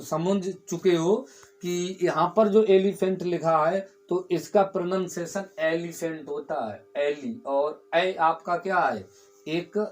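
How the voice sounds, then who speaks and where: Speaking in a slightly high voice, a male teacher leads a grammar class. He goes through the material step by step and repeats key terms, regularly asking a question aloud and supplying the answer himself.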